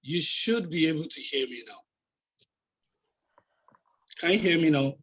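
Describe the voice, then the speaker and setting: A man's voice: on the high side, animated, unhurried, a bit bright, slight background noise. A man on a video call whose audio keeps cutting in and out, repeatedly checking whether anyone can hear him. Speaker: webinar participant asking a question. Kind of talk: casual video-call talk. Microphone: computer on a video call.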